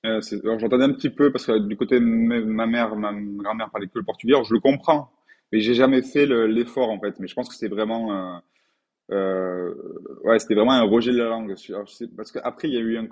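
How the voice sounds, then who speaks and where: Here the painter, a Frenchman in his forties, speaks a bit fast in a lowish, steady, slightly mellow voice. As an interview guest he's casual and pensive, stumbling through fillers and restarts, and the recording is lo-fi.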